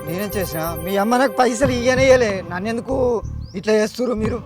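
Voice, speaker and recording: A man's voice: fairly high pitch, fast talker, lightly acted. A man with a Telangana accent playing a greedy village man who lied for money and whines when caught. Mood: defensive. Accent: Telangana Telugu. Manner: whiny, defensive. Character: greedy cowardly village man, shifty liar. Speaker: hired liar. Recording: film music underneath.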